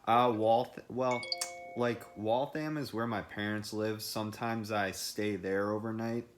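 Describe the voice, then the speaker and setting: A man's voice: on the low side, steady tone, measured pace. A young man in his twenties from Massachusetts, chatting easygoingly on a phone call, hesitant with lots of fillers. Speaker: call partner. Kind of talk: casual phone chat.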